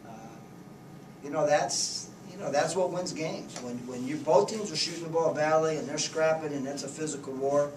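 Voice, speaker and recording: A man in his fifties, a head coach giving plainspoken, halting postgame answers at a press conference table. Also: a little high. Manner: plainspoken, halting, restarts often. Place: press conference room, indoors. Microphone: table mics, heard from a distance. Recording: echoey room, distant mic, noisy.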